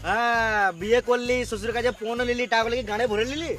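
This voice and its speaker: A man's voice: extremely high pitch, little pitch movement, fast talker. An actor playing a cheeky village drinking buddy, mocking his friends in a rural West Bengal accent in a comedy skit. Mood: teasing. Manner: mocking, coarse. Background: music.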